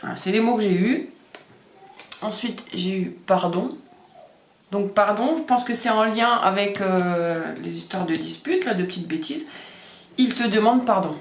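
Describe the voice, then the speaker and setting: A woman's voice: medium pitch, measured pace, slight background noise. A woman doing a casual card reading, talking hesitantly with many fillers and repeating the card words. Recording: echoey room.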